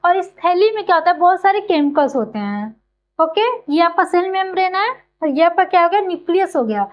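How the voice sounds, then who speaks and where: A woman's voice: extremely high pitch, expressive, a little fast, muffled recording. A woman teaching biology, who keeps asking and answering her own questions and explains with everyday comparisons. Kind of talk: explanatory classroom lecture.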